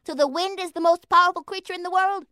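A woman voicing an eager young female mouse, high and bright with lively questions. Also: quick pace, no echo, studio quality.

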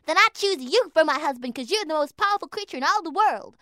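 A woman voicing an eager young female mouse, high and bright with lively questions. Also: quick pace, no echo, studio quality, heavily acted.

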